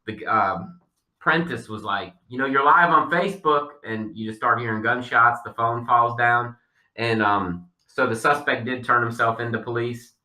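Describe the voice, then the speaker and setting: A man with a deep Southern US accent, chatting casually as a podcast co-host. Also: moderate pace, sharp tone. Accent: Southern US drawl. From Long Island, later North Carolina. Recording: roomy echo, distant mic.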